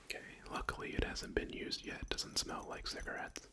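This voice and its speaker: An ASMR creator whispering casual, unscripted rambles in short phrases during a finger-tapping show-and-tell. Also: moderate pace.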